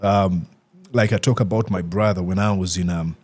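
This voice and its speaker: A young man from Uganda, an author answering interview questions in an earnest, halting way with many fillers and restarts. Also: deep voice, steady tone, a little mellow.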